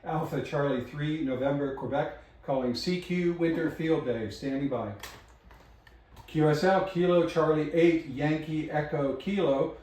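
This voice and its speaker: A man working as an amateur radio operator, calling contacts over ham radio in the phonetic alphabet, measured and clipped, into a headset mic. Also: a little high, a little mellow, slight background noise. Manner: measured, clipped call-sign delivery. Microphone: headset microphone. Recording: echoey room.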